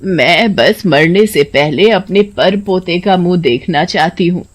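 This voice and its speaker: Lady doing a stubborn old granny, cartoon, low and pushy. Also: a little slow. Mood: insistent. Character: stubborn old grandmother wanting a great-grandchild.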